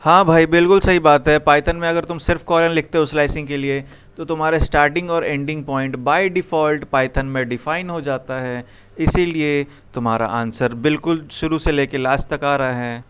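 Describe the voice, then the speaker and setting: A man's voice: a little high, steady tone, moderate pace, a bit bright, clear, resonant tone. A young man teaching programming to a live classroom, coaxing students with repeated questions. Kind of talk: live classroom coding lesson.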